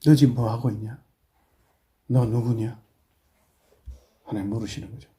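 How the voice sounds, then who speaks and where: A male pastor with a Busan accent preaching a sermon, swinging from hushed prayerful murmurs to loud scolding questions. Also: medium pitch. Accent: Busan Gyeongsang Korean.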